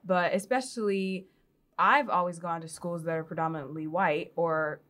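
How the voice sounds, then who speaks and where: A young woman hosts a casual interview podcast, talking in a relaxed, chatty way and dropping in filler words as she goes. Her voice sits a little low for a woman. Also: normal speed. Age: young adult. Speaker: podcast host.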